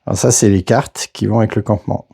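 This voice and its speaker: A man casually narrating a board game unboxing, hesitant and halting, filling pauses with little interjections as he handles each piece. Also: fairly low pitch, fairly even intonation, gravelly, warm tone, breathy edge. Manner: slow, hesitant, narrates each step with "voilà" and "hop".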